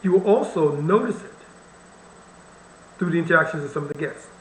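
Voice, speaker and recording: A man's voice: a little high, a little fast, roomy sound, slight background noise, poor audio. A man hosting a reaction video, commenting bluntly and with wry irritation on the clip he plays. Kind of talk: casual commentary over a played video.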